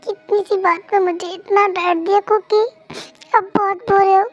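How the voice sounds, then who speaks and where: A woman's voice: very high voice, flat delivery, normal speed, voice pushed up. A woman with a cold voicing a hurt, tearful young wife in an amateur fan dub, pleading emotionally. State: has a cold.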